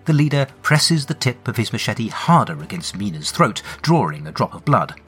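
Guy narrating a solo rpg, animated up and down delivery, wry, soft music under. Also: mid-range voice, normal speed, slightly rough. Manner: wry, dramatic storytelling. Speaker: game master and narrator. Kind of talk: solo tabletop role-play narration.

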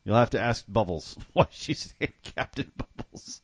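A middle-aged man chats and jokes as a podcast host, laughing often. His pitch moves in lively swings. The recording is dry and close. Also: moderate pace, husky, dry recording. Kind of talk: casual chat.

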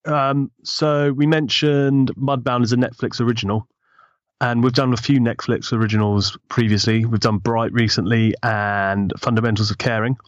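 A man's voice: medium pitch, flat delivery, moderate pace, no room sound. A man co-hosting a movie podcast in casual chat, brief and agreeable. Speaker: podcast co-host. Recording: dull, dry sound.

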